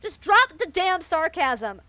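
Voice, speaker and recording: A woman's voice: very high voice, big pitch swings, slow pace, sharp tone, no echo, voice pushed up, full character voice. A woman reading a sarcastic young woman. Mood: defiant. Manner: prickly and sarcastic. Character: defiant young woman musician. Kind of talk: reading a story game aloud.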